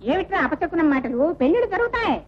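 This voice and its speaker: A woman's voice: very high-pitched, sing-song, rapid-fire, a crowd in the background. An actress playing a domineering, sarcastic middle-aged mother-in-law in an old film. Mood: scolding. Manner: scolding, sarcastic. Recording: dull old film soundtrack with music.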